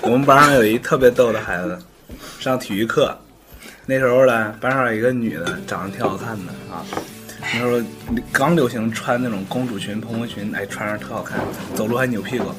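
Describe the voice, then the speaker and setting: A man's voice: medium pitch, brisk. A man telling funny school stories in a casual chat, laughing as he goes. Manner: playful, laughing storyteller. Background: background music.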